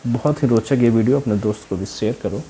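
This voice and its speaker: A man's voice: mid-range voice, fairly quick, warm tone, slight background noise. A man teaching English letter sounds, repeating each sound and quizzing the viewer with call-and-response questions. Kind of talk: slow repetitive phonics lesson.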